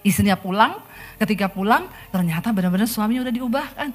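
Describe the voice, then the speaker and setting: A woman's voice: mid-range voice, fast talker. A middle-aged woman pastor preaching a sermon, telling stories and acting out the quotes. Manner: lively storytelling sermon, acts out quotes.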